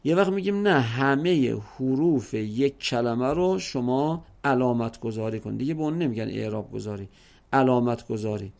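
A middle-aged man teaching an Arabic class, explaining exam question types slowly and repeating each example several ways. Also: mid-range voice, animated, vocal fry, darkish tone.

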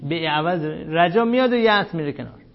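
A man gives a grammar lesson in a classroom, throwing questions at his students and answering them himself. He reads the Arabic lines slowly, almost chanting them. His voice sits a little high, and the recording sounds dull and lo-fi. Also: animated. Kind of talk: classroom lecture.

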